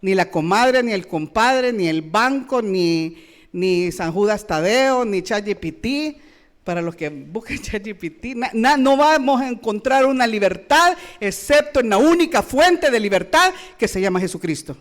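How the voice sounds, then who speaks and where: A woman's voice: medium pitch, lively intonation, measured pace. A woman pastor, preaching a sermon with rhetorical questions and playful asides.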